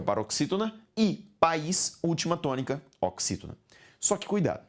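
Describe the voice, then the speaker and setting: A Brazilian man teaching grammar in a recorded exam-prep lesson, talking straight to the student, spelling out syllables slowly and tagging points with a rising "ok?". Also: a little high. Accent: Brazilian Portuguese. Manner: didactic, addresses student directly with frequent "ok?".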